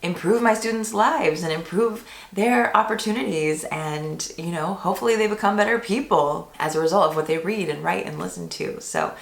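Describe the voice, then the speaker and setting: A hoarse woman with a low, gravelly voice talks eagerly about books for fellow teachers. She chats freely with plenty of fillers, and the room around her rings with echo. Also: moderate pace, hardly any pauses. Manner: chatty, enthusiastic, many fillers. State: losing her voice. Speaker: teacher and channel host. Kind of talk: casual vlog about books.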